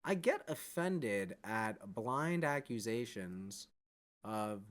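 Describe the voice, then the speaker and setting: A man's voice: on the low side, very animated, slow pace. A man giving a blunt, profane monologue straight to his viewers, often checking in with "all right?". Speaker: vlogger. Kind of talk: unscripted monologue to camera.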